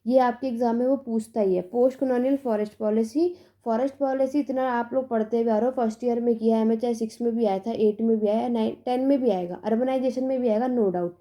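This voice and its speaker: Young woman, exam coaching tutor, emphatic and repetitive, somewhat high voice, very mellow tone. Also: steady tone, fairly quick, few pauses. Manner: emphatic, repetitive reassurance with "theek hai" checks. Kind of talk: informal exam-tips lesson.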